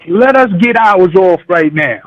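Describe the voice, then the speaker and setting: A man with a high-pitched voice talks as a caller on a radio show. His delivery is casual and slangy, and he keeps checking in with tags like "you know.". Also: lively intonation, measured pace, muffled recording. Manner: slangy, conversational, repeats "you know what I'm saying". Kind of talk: casual call-in monologue.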